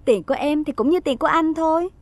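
A woman's voice: high voice, fast, a little mellow, no echo, close to an everyday voice. An actress playing a cheerful young wife who giggles and coaxes her husband. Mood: coaxing. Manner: giggling, coaxing.

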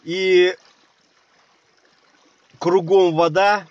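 A man's voice: high voice, little pitch movement, extremely slow, dry recording, muffled recording. A young man vlogging casually outdoors in a forest at night, joking about his own bad luck with a dry, self-mocking humor. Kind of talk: casual vlog talk to camera.

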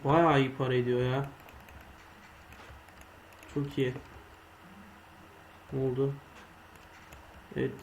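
A young man casually commenting on his own gameplay, muttering to himself and swearing or shouting when startled. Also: medium pitch, level tone, slow, pauses often, poor audio. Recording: faint background noise.

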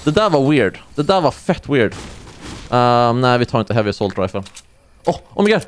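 Young swedish guy streaming a game, chatty, jumpy, mouse clicks and faint hiss behind. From Sweden. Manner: excitable, swings into high-pitched yelps when surprised. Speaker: gaming streamer. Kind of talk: live gameplay commentary.

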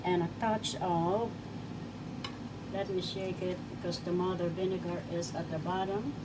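A woman's voice: lowish voice, steady tone, unhurried. An older woman from the Philippines, cheerfully talking through a home cooking demonstration and listing each ingredient. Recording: home recording with audible background noise.

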